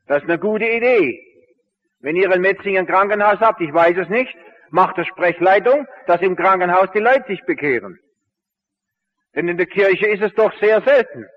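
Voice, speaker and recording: A man's voice: high-pitched, in a large hall, highs cut off. A male pastor telling a story from the pulpit, earnest, acting out the dialogue he quotes. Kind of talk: storytelling sermon.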